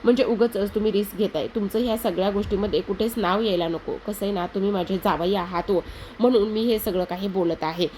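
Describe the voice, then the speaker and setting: A woman's voice: mid-range voice, fairly even intonation, a little fast, a little mellow, a little hiss or hum, natural voice. Fretful mother-in-law, read out by a woman, worried and pleading, plain everyday voice. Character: anxious middle-aged mother-in-law, fretful.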